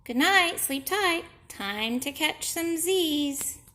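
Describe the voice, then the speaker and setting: A cool, laid-back storybook cat, voiced by a woman reading aloud. The voice sits fairly high and moves very slowly, in a singsong bedtime lilt meant for young children. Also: animated, pushed and bright, exaggerated voice. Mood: sleepy, soothing. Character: Pete, a cool laid-back cartoon cat, sleepy host. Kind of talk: children's picture book read-aloud.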